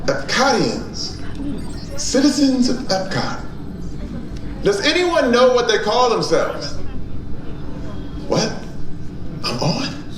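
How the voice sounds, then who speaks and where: Eager, high-voiced space officer, echoing. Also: male voice, sing-song, slow, long pauses, noisy background, exaggerated voice. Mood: eager, awkward. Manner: eager, officious, awkwardly comic. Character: earnest, eager, slightly awkward young male space corps officer. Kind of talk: scripted theme park pre-show presentation. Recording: echoey hall, distant mic, loud music.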